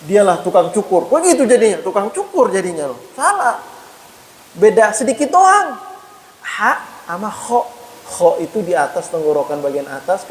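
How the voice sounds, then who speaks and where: A man with a fairly high voice gives a relaxed religious lesson in a mosque, saying "ya" again and again between phrases. He stops often to sound out Arabic letters slowly and carefully. A faint hiss sits under the recording. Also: rough recording. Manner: punctuates phrases with a frequent "ya"; conversational, addresses listeners as "Pak". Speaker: Islamic teacher. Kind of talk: mosque study lecture.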